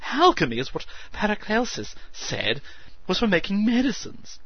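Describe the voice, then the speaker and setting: A man voicing a skinny, eccentric male alchemist who talks in a shrill, piping, hysterical gush. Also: wildly swooping pitch, moderate pace, husky, highs cut off, heavily acted. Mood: hysterically excited. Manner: hysterical, breathless, gushing.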